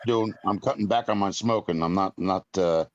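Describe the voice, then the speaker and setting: A man's voice: sits low, moderate pace, no echo, highs cut off. A man in his fifties chatting casually on a live stream, talking in a rambling, blunt way with some mild cursing. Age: 50s.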